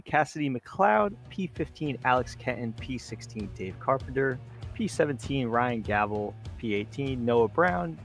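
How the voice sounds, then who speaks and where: A man commentating a sim racing broadcast, rattling off finishing results quickly. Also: medium pitch. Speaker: race commentator.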